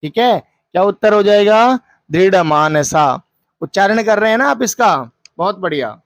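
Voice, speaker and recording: A woman Sanskrit teacher going through an exam paper, posing questions and answering them herself, and chanting verses slowly. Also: medium pitch, expressive, dry recording. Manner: asks and answers her own questions; recites verses in a slow chant. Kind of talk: exam paper walkthrough lesson.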